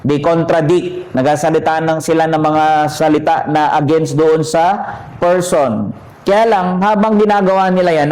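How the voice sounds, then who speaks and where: A pastor preaches conversationally, putting questions to the congregation and slipping English phrases into his sermon. His voice is a little high with a darkish tone, and the audio quality is poor.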